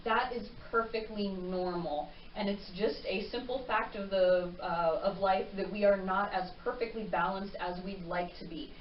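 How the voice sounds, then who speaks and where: A woman teaching tai chi with calm, reassuring, measured step-by-step movement cues. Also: mid-range voice. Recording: roomy, dull, distant mic, faint noise.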